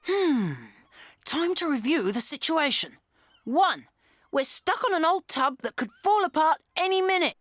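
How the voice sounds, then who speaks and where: A woman's voice: high-pitched, lively intonation, unhurried, a bit bright, no room sound. A woman playing a mischievous, determined young boy ringleader in a cartoon, bold and scheming. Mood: wry. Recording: music behind the dialogue.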